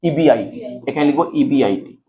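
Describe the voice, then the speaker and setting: A man's voice: medium pitch, lively intonation, brisk, mellow, highs cut off. A male commerce tutor with a Bengali accent, giving a whiteboard math lecture and coaxing students with constant checks that they follow. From India.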